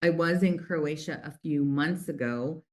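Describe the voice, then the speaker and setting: A middle-aged American woman who founded a lip color company is a guest in a casual interview. Speaking a little slowly in a low voice, she tells stories in a warm, chatty way, full of fillers.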